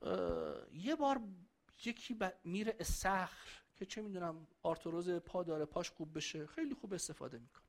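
Reciting Arabic verses, a man gives a religious lecture before a live audience, chatting and joking with the people there. His voice is high and creaky.

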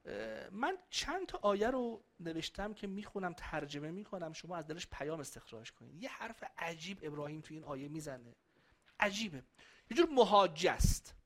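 A man's voice: on the high side, sing-song, a bit bright. A man giving a religious lecture to a live audience, chatting and joking with them and reciting Arabic verses.

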